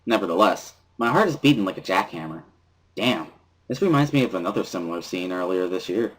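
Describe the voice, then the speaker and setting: A deep-voiced man gives an amateur first-person dramatic reading of a visual novel as the series narrator, animated and brisk with a breathy edge. Instrumental music plays prominently beneath him.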